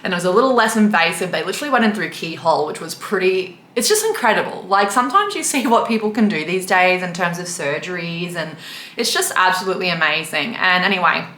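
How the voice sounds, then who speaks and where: A woman's voice: lowish voice, lively intonation, fast, fairly bright tone, slight background noise. A young Australian woman chatting candidly while doing her makeup, getting emotional at times. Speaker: beauty vlogger. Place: indoor room with a mirror. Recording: echoey room.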